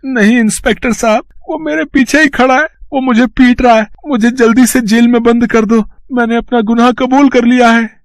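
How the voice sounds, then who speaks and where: A man's voice: very high voice, fairly even intonation, moderate pace, few pauses, no room sound. A man voicing a greedy thief in a cartoon, frantic and pleading for mercy. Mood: panicked. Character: greedy man caught stealing, panicked and begging. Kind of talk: cartoon voice acting.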